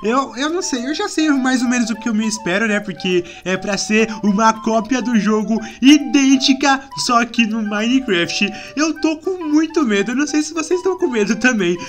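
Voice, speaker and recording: A woman with a Brazilian Portuguese accent playing a horror game for her channel, easily scared and quick to shriek and exclaim. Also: fairly high pitch. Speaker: gaming YouTuber. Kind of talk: horror game let's-play commentary.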